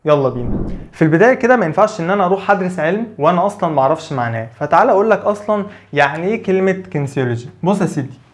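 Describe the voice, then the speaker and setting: Male lecturer, Egyptian accent; very fast, slightly raised pitch, rhetorical question-and-answer delivery. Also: animated. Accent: Egyptian Arabic. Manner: rapid, repeats questions and answers them himself. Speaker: physical therapy lecturer. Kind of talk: lively explanatory lecture.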